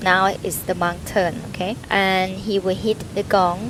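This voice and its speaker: A woman's voice: medium pitch, level tone, normal speed, noisy background. Thai-accented woman teaching a language. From Thailand. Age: 30s. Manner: explains step by step, prompting the learner with questions. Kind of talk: conversational language lesson.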